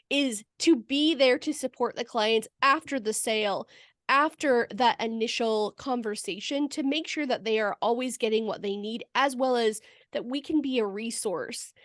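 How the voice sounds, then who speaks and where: A woman's voice: sits high, no room sound, studio quality. A woman hosting a podcast interview, speaking fluently in long flowing sentences. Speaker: podcast host.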